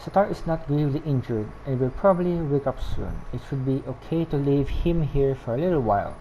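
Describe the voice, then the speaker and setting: A gameplay streamer with a Filipino accent offers casual commentary and reads lines aloud, often correcting themself, apologizing for pronunciation, and making giggly asides. The voice is mid-range, mellow, expressive, and fairly quick. The recording is muffled with a bit of hiss or hum.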